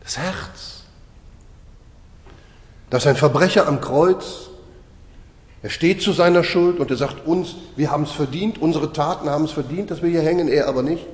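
Guy preaching a sermon, fairly high voice, slows down hard on key words, big echoey church sound. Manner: emphatic, slowing for stress, asks the listeners rhetorical questions. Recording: echoey hall with long reverb.

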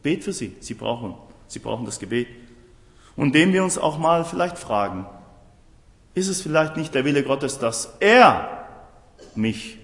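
A man preaches a sermon with emphasis, often turning to his listeners with rhetorical questions. His voice sits somewhat high for a man. It rings through a roomy hall with a long reverb. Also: big pitch swings, unhurried, long pauses.

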